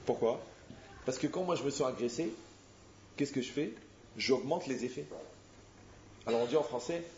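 Animated man teaching in an echoey room. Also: medium pitch, a little hiss or hum. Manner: animated storyteller, acts out dialogues, direct and teasing. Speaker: rabbi giving a talk. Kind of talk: lively spoken teaching. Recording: echoey muffled room recording.

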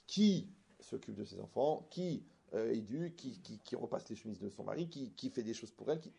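A man giving a religious lecture to an audience, animated and full of jokes, often asking rhetorical questions. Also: medium pitch, creaky, slightly rough. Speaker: religious teacher. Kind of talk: lecture with anecdotes and humor.

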